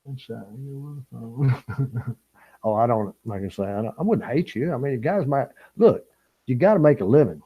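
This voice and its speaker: This man hosts a fishing live stream, chuckling and rambling as he casually reads viewers' comments aloud and talks with them. The audio from his small camera or lapel mic is dull, and his mid-range voice is expressive and breathy-edged at a moderate pace.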